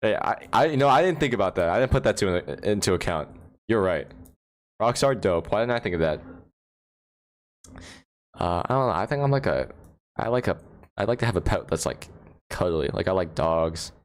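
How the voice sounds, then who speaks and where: A man's voice: sits low, expressive, normal speed, long pauses. A man from the United States chatting casually on a livestream, rambling, laughing often and answering chat questions, recorded on a phone indoors. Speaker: livestream host.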